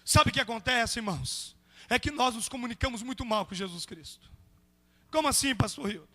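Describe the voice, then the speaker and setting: A Brazilian pastor preaches in a very high, piercing voice, acting out the prayers of his flock with passion. His sermon rings through a church hall with a long, trailing reverb. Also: expressive, brisk, sharp tone. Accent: Brazilian Portuguese.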